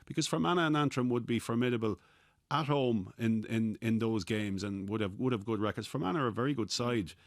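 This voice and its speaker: An Irish man discussing Gaelic football as a pundit in a measured, analytical manner. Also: medium pitch, no room sound, clean studio sound. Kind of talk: sports discussion.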